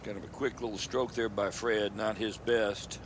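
A male golf commentator with a fairly low voice calls play live. His delivery is casual and analytical, over clear outdoor background noise. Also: level tone, normal speed. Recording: clearly noisy outdoor broadcast.

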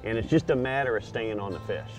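A man who fishes catfish tournaments, talking in a relaxed, plain-spoken way on an open boat. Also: fairly low pitch, quick pace, soft background music. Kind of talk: casual fishing show talk.

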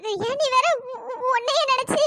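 A worried younger sister in a cartoon story, voiced by a woman pleads earnestly with her brother. Her voice is very high and squeaky, with a bright, sharp edge. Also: moderate pace, no echo, heavily acted. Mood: pleading.

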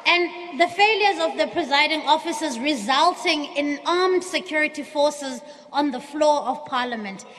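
A South African woman in her thirties, the opposition chief whip, gives a forceful speech at a podium microphone in a large parliamentary chamber, switching into isiXhosa as she goes. Her voice is high-pitched and expressive, at a moderate pace with few pauses. The audio is a broadcast feed carrying long hall reverb.

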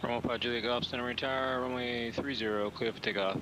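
A man's voice: mid-range voice, steady tone, quick pace. A man working as an air traffic controller, heard over an aircraft radio and giving clipped instructions in standard phrasing. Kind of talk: live radio communication. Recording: faint distant radio with noise.

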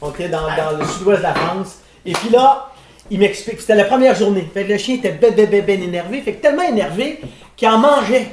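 A man's voice: high-pitched, animated, fairly quick, reverberant. A man, a guest on a cooking show, telling a story in a theatrical way. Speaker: guest, actor and host. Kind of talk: casual storytelling.

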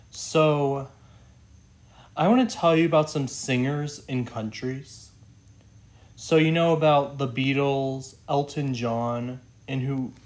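A man talks unhurriedly to his channel viewers in a loose, casual vlog manner. He rambles from point to point with constant fillers and gushing exclamations, his pitch sitting in an ordinary middle range. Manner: enthusiastic, rambling, full of "like" and "oh my gosh". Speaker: YouTube channel host. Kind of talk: casual vlog talk about singers.

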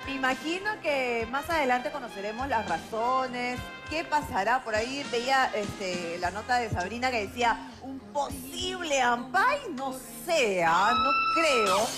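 A woman chatting casually as a gossip-show panellist. Her voice is high, with clear music behind it. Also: animated, measured pace, hardly any pauses.

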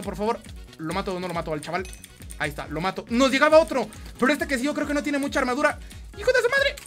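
A young man with a Mexican accent doing excitable, playful gameplay commentary, talking straight to his viewers. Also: high voice. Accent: Mexican Spanish. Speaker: gaming YouTuber.

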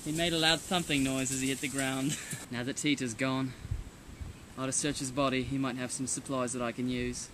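A man's voice: mid-range voice, level tone, fairly quick, natural voice. A young man playing an earnest wilderness survival host in a comedy skit, outdoors. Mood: mock-serious. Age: young adult. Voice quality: mock-serious documentary narration. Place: outdoors in woods. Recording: noisy outdoor camcorder audio.

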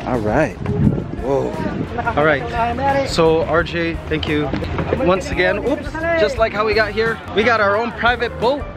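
A man's voice: high-pitched, animated, measured pace, vocal fry. A man in his thirties hosting a casual travel vlog outdoors, talking into a camera held at arm's length and exclaiming often. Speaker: vlogger host. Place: outdoors on streets, a tricycle and a small boat. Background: loud background music.

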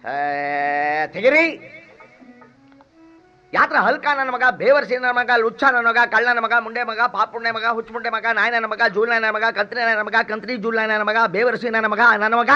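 An actor playing a cheeky comic servant who rattles off insults and mocks others in stage comedy style. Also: male voice, very high voice, big pitch swings, pushed and bright, faint music behind, full character voice. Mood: ranting. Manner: rapid strings of abusive insults, mocking mimicry. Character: cheeky comic male servant, loud and mocking. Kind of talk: stage comedy drama acting. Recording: dull lo-fi drama recording.

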